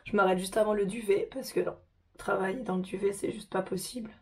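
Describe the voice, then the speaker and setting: A woman hosting a casual makeup tutorial, chatty and informal, her voice hoarse from a sore throat. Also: medium pitch, steady tone, brisk, a little mellow.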